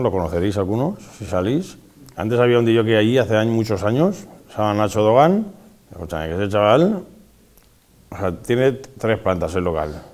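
A man's voice: on the low side, a little mellow. A middle-aged man, a DJ, telling his colleagues and students a story in a firm, matter-of-fact way during a casual chat. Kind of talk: casual conversation. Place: large school room.

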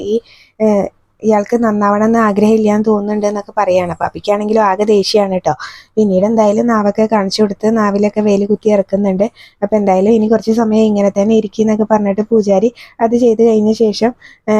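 A woman from Kerala retelling the plot of a TV serial in casual, fast speech, with frequent fillers. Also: medium pitch, warm tone, no room sound. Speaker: TV serial recap reviewer. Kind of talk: casual spoken episode recap.

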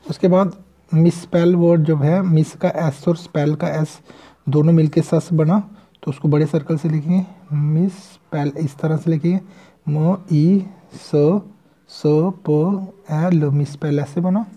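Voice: mid-range voice, steady tone, normal speed, mellow. A shorthand teacher giving a recorded lesson, explaining patiently step by step and spelling words out sound by sound.

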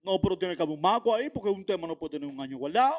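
A man's voice: sits high, lively intonation, racing. A young man with a Dominican Spanish accent, casually interviewing with probing, incredulous, repeated questions. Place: small furnished room indoors. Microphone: handheld microphone.

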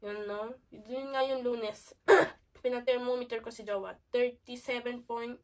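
Chatty woman vlogger, sick with a cold and cough, fairly high voice, sits back from the mic. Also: fairly even intonation, measured pace, far from the mic. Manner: chatty, keeps calling out to viewers. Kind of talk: casual chat to camera.

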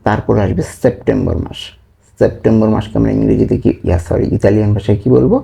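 A man tutoring beginners in a language lesson, repeating each word slowly and checking in with listeners after every item. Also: on the low side, vocal fry, dark tone, husky.

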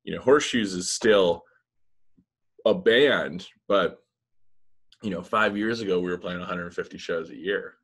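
Speaking through a laptop webcam mic from a small indoor room with blinds, a musician guest with a deep, husky voice rambles through a casual video-call interview. He's relaxed and unhurried, pausing often and using lots of fillers.

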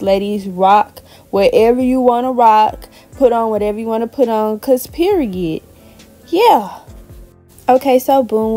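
Mellow, slangy young woman voiceover. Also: fairly high pitch. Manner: slangy, confident, addresses viewers directly. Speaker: fashion vlogger. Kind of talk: casual voiceover.

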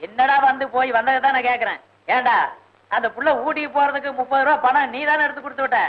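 A man's voice: very high-pitched, fairly even intonation, fast talker. An actor playing a stern older man who scolds a youngster and catches him out. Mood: scolding. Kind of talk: 1980s film acting. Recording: dull old film soundtrack.

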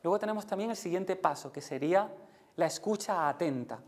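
Lively male speaker from Spain lecturing. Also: fairly quick. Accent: Spain Spanish. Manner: lively, demonstrates voices with big pitch jumps. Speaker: conference speaker. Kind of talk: live lecture to an audience. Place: lecture room.

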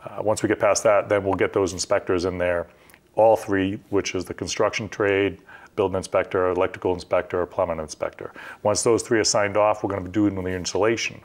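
A middle-aged man with a very low voice talks quickly and practically, walking through a job one step after another. He sounds like a studio interview guest, close to a clip-on mic. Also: fairly even intonation. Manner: practical, step-by-step, conversational with fillers. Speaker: construction company owner, guest. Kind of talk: explanatory interview talk. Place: TV studio set.

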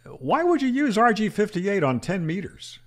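This older man from Florida, a ham radio instructor, explains to camera why certain antenna beliefs are myths, using a matter-of-fact tone and rhetorical questions he answers himself. His pitch moves in big swings and his pace is moderate. He's in a small room at a studio microphone mounted on a boom arm.

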